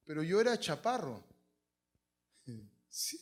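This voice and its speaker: A man preaching a sermon as pastor, telling stories and swinging from hushed lines to shouts. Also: a little high, big pitch swings, slow. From Peru.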